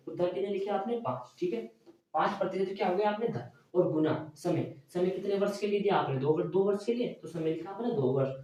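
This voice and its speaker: A male math teacher lecturing in a classroom style, asking his students questions and answering them himself, often checking with a quick "okay". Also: sits high, a little mellow, lo-fi sound. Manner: repeats "theek hai" as a check. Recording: very echoey room, mic far away.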